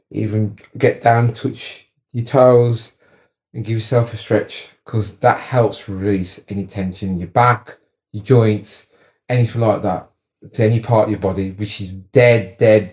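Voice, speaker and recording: A wellness coach with a lowish, mellow voice gives casual, chatty advice on relaxing. He demonstrates the moves as he talks and repeats words for emphasis.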